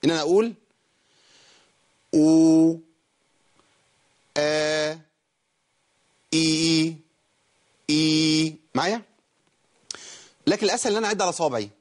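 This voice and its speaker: A man with an Egyptian Arabic accent teaching Quran recitation on a program. He poses rhetorical questions, then answers them himself, and slowly stretches out words to show how they should be recited. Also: on the high side. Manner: slowly draws out words to model correct recitation. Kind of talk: televised Quran recitation lesson.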